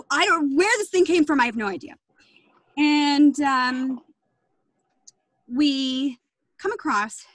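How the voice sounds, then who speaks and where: High-voiced woman telling a rambling story. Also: fairly bright tone, no echo. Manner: rambling, amused narration with fillers. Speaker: player. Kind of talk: improvised storytelling game. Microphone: video call.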